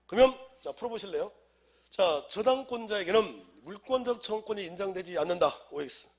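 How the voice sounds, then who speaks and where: A man with a high, animated voice, speaking a little fast despite having a cold, lectures on civil law for an exam class. He drills students with call-and-response and fires off rhetorical questions.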